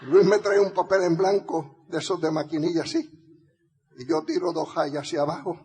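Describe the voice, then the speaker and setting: Older male speaker, very husky, storytelling with shouted rallying lines, long hall reverb. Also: fairly high pitch, normal speed. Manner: animated, builds to rallying shouts, laughs often. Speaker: motivational speaker. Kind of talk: storytelling speech to an audience.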